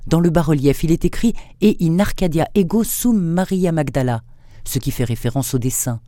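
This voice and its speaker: A man's voice: on the high side, normal speed, mellow, no room sound, studio quality, voice pushed up, natural voice. A man reading aloud as an older male scholar, a learned marquis who explains things at length. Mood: explaining.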